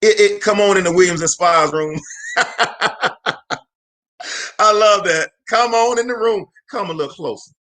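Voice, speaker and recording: A fortysomething man, working as a motivational speaker and host, preaches a fervent live motivational talk, driving points home through repetition and addressing viewers directly. The pitch is high, the pace unhurried, the pauses long, and the tone fairly bright.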